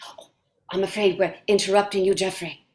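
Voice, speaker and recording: A woman's voice: mid-range voice, flat delivery, fairly quick, lightly acted. A woman playing a gushing, imperious society lady in a stage play reading, with an affected theatrical manner. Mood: gracious. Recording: echoey room.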